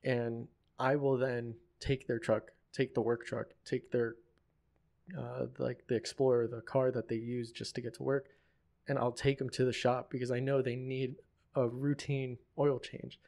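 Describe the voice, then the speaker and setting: A man's voice: mid-range voice, little pitch movement, measured pace, gravelly, a little mellow. A man co-hosting a podcast in casual chat, telling stories loosely with lots of fillers. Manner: loose, filler-heavy storytelling. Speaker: podcast co-host.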